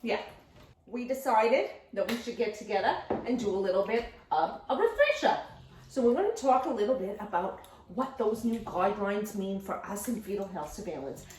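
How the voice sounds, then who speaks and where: A woman's voice: medium pitch, lively intonation, normal speed, darkish tone, slight background noise, lightly acted. A woman playing a gushing, chatty talk show host who peppers her talk with Yiddish exclamations, in a comedic sketch for nurse education. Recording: roomy sound from a distant mic.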